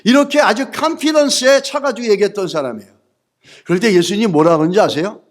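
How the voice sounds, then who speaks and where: High-voiced pastor asking rhetorical questions. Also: male voice, lively intonation, fast talker. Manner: asks the congregation rhetorical questions and mixes in English words. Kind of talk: sermon.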